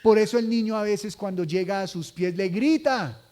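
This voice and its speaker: A man's voice: sits high, normal speed, a little mellow. A male pastor giving a conversational sermon, acting out quoted voices and asking the congregation short tag questions. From Colombia.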